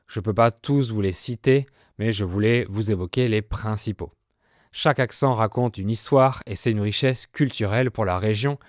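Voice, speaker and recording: Calm French man teaching slowly. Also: fairly low pitch, dry recording, clean studio sound. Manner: slow, clear explanatory delivery. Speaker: French teacher, podcast host. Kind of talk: podcast lesson on accents.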